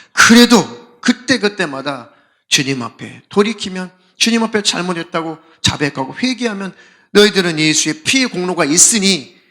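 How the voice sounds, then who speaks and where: A man's voice: sits high, pitched above the performer's own voice. A male pastor voicing a fallen demon spirit that cries and laments, in a plaintive, sobbing way.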